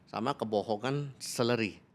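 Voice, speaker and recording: A man's voice: mid-range voice, normal speed. A man who is a business coach, explaining in a podcast conversation, laughing often and acting out interview exchanges.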